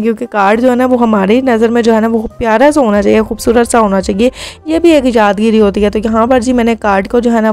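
A woman's voice: a little high, a little mellow. A young woman, a vlogger narrating her day in a casual, chatty voice-over full of filler phrases. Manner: chatty, many filler phrases, talks fast.

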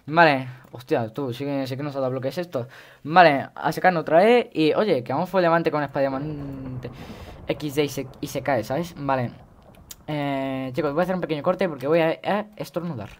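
A teenage boy with a Spain Spanish accent, rambling chattily through gameplay commentary and breaking into sudden high yelps. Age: teens. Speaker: gaming YouTuber.

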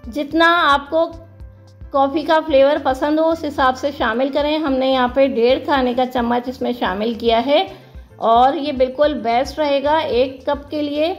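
High-voiced woman hosting a cooking video. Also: steady tone, measured pace, lo-fi sound, soft background music. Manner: warm, chatty, full of blessings and praise. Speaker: cooking channel host. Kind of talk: recipe voice-over.

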